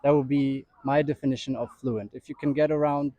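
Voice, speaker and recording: Swiss-born male interviewee, measured and mellow, practical examples. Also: medium pitch, fairly even intonation, lo-fi sound, faint music behind. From Switzerland. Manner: measured, gives concrete examples. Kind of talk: casual interview answers.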